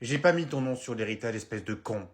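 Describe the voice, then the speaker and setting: A man's voice: mid-range voice, animated, brisk, pitched below the performer's own voice, natural voice. A man voicing a spiteful, foul-mouthed old grandmother who scolds and insults her family in a comedy sketch.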